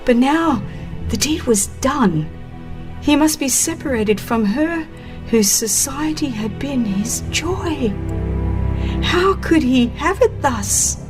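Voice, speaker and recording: Over music, a woman with a high voice narrates a dramatized religious audiobook, telling the story in a solemn, measured, expressive way.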